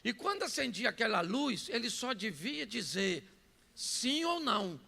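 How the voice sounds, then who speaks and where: A man with a Brazilian Portuguese accent preaching a sermon, telling stories and breaking into shouts. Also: very high voice, very animated, measured pace, gravelly, big-room sound. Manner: storytelling preacher who bursts into shouts. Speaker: pastor.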